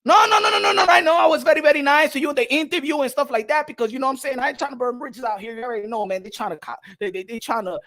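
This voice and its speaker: A man hosting a casual boxing livestream, animated, swinging between loud outbursts and low mumbling, dropping Spanish phrases into his talk. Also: racing, hardly any pauses. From United States. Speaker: boxing commentator.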